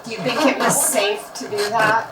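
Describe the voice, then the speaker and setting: A woman's voice: fairly high pitch, steady tone, moderate pace. A woman hosting a paranormal session, asking short questions aloud to spirits and repeating what she takes as replies. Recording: echoey, distant mic, noisy with clicks.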